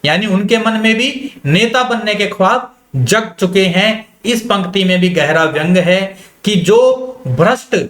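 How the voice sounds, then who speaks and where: A man's voice: high voice, expressive, fairly bright tone, reverberant. A male literature teacher giving an exam-prep lecture. He reads a story aloud and explains it, repeating key lines and telling students to note them. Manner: slows down when reading quoted lines.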